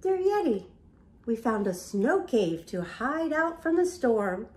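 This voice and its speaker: This is an older woman's fairly high, slow voice as she reads a picture book to young children indoors at home, on camera. She brings the story alive with whispers and gasps, and the room reverberates around her.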